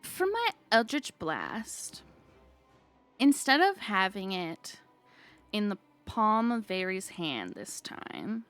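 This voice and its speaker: Bright-voiced, giggly woman player. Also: mid-range voice, wildly swooping pitch, slow, soft background music. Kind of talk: tabletop game chat.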